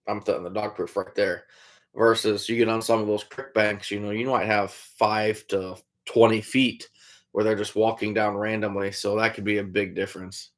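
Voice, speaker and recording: This laid-back trapper from Iowa talks at a moderate pace in a lowish, slightly bright voice with flat delivery. Casually responding to his live-stream viewers, he calls chatters "buddy" and tends to tail off with "I don't know".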